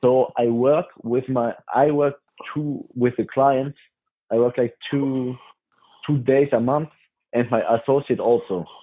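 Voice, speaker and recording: A man's voice: medium pitch, fairly even intonation, a little slow. A young man in his twenties from France, a podcast guest, talking hesitantly with many restarts. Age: 20s. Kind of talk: casual interview chat. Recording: tinny phone-like line.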